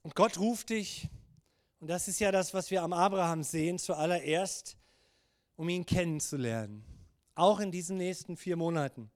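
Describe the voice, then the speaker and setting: High-voiced man preaching a sermon. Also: moderate pace. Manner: earnest, urging, drops low and soft for God's words. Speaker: pastor. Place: church service.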